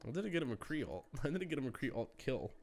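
A man's voice: mid-range voice, big pitch swings, fairly quick, vocal fry. A man chatting and joking with friends over voice chat while playing an online game. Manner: joking, laughs often. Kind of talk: casual gaming voice chat.

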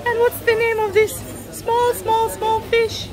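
A Russian woman with a Russian accent vlogging while walking through a fish market, chatting with sellers in halting English with many fillers. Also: extremely high pitch, completely flat delivery, over music. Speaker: travel vlogger. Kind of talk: casual walking vlog. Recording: busy crowded market in the background. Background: market crowd.

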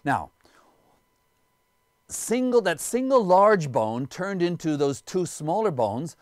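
A man's voice: high-pitched, sing-song, takes it slowly, dry recording, clean studio sound. A man giving a biology lecture, explaining things step by step and pointing them out as he goes.

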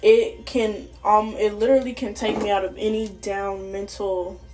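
A woman's voice: medium pitch, moderate pace, music in the background. A young woman, a college student, talking casually and animatedly straight to her phone camera in a small room, full of slang. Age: young adult. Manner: chatty, slangy, animated, talks straight to viewers. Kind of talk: casual vlog talk to camera. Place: small indoor rooms, dorm and bathroom. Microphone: phone camera at arm's length.

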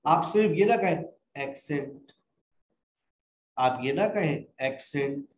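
A man's voice: on the high side, animated, slow, a little hiss or hum. A man from Pakistan, teaching spoken English. He explains patiently, slips English phrases into his talk and calls his students "beta". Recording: echoey room.

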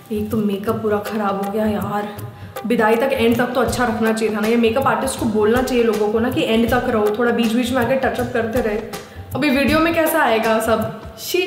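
A young woman doing a comic sketch, complaining in an exasperated, mock-dramatic way. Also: fairly high pitch. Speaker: comedy creator. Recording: echoey room with music behind.

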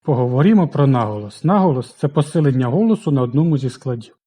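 A man teaching a language lesson in a scripted, careful way, slowly reading out lists of example words. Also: medium pitch, expressive, mellow.

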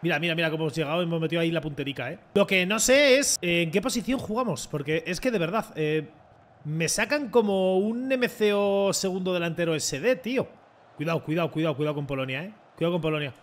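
Excitable high-voiced Spanish gamer man. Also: fast talker. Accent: Spain Spanish. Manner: excitable, mocking, swears a lot. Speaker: gaming content creator. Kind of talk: casual gameplay commentary.

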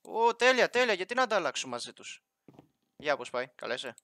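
A man's voice: high-pitched, very animated, a bit bright, no echo. A young man casually commentating his Minecraft playthrough, chatting and joking with the villagers and animals in the game. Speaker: gaming YouTuber.

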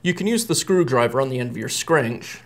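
A repair technician in his thirties gives a step-by-step how-to at a workbench in an indoor workshop. His medium-pitched voice has lively intonation and a fairly quick pace, while the explanation itself is plain and methodical.

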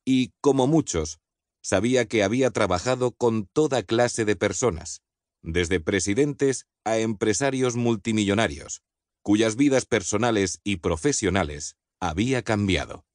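A man narrating an audiobook foreword in a measured, even reading style with clear phrasing. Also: fairly low pitch, dry recording, clean studio sound. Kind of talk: scripted narration of a book foreword.

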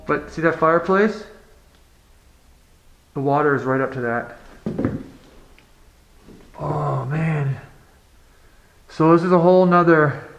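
A man's voice: a little high, takes it slowly, long pauses. Man murmuring in echoey empty rooms. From Canada. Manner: hushed, awed asides while exploring. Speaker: urban explorer. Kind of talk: casual walkthrough narration. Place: empty abandoned house, indoors. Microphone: handheld or body camera.

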